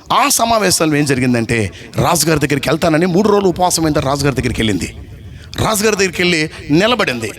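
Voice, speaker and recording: Man, pastor, sermon, high pitch, acts out voices, asks the crowd questions. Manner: acts out voices of story characters.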